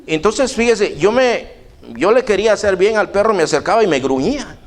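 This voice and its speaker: A man's voice: sits high, animated, brisk. A man preaching a sermon in a church, telling a personal story folksily and often calling listeners brother. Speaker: pastor.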